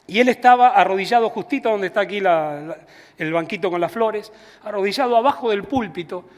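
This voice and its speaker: A man from Argentina with an Argentine accent, a pastor preaching a sermon and telling stories with acted-out dialogue. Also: high-pitched. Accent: Argentine Spanish. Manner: animated storytelling, acting out dialogue, chuckling. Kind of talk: storytelling sermon. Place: church sanctuary. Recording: long church hall reverb.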